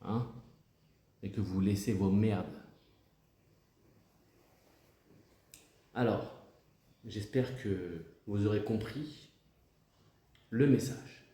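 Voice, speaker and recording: A man playing a pompous, echoey low-voiced president. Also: slow pace, pauses often, mellow. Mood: menacing. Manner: pompous, insinuating, mock-diplomatic. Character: stern, pompous human president scolding and threatening a rival. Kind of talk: comic sketch monologue.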